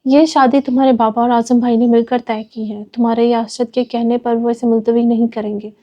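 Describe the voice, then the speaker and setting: A woman voicing a stern, measured middle-aged mother in a dull lo-fi recording. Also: a little high, flat delivery, lightly acted.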